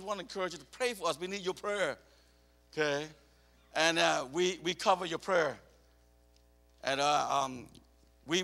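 Missionary preacher, man born in Cambodia and raised in America; high, bright, gravelly voice, animated delivery that repeats and restarts, echoey church hall. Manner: animated, repeats words and restarts, tells personal stories. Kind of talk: sermon.

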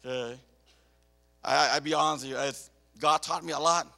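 High-pitched gravelly man preaching. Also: normal speed. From born in Cambodia, raised in America. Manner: animated, repeats words and restarts, tells personal stories. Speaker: missionary preacher. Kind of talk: sermon. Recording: echoey hall reverb.

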